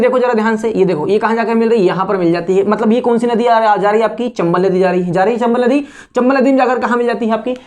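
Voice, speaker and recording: A man gives an online exam-prep lecture. He keeps asking rhetorical questions, answers them himself, repeats key words and scolds his students bluntly. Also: extremely high pitch. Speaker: exam coaching teacher.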